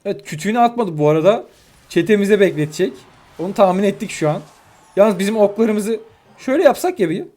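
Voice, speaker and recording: A young man with a high voice commentates his game matches as he plays, swinging from cheerful chatter to exasperated outbursts aimed at his opponent. Faint music runs behind him. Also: fast. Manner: excitable, frustrated outbursts, talks to opponent. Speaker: gaming YouTuber. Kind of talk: live gameplay commentary.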